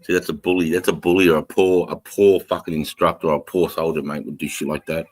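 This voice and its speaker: Deep-voiced Australian man, blunt and sweary. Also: flat delivery, quick pace. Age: 40s. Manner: blunt, heavy swearing and blokey Aussie slang. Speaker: military veteran and podcast talker. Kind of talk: casual chat.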